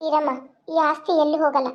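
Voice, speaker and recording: Woman voicing a young mother, police officer, tearful, tender, high pitch, lo-fi. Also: flat delivery, fast, natural voice. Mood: anguished. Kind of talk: cartoon voice acting. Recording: dull lo-fi sound.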